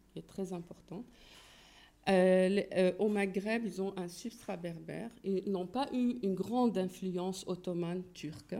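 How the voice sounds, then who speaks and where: Gravelly-voiced woman lecturing on linguistics. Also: medium pitch, darkish tone. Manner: explanatory, thinks aloud while searching for terms.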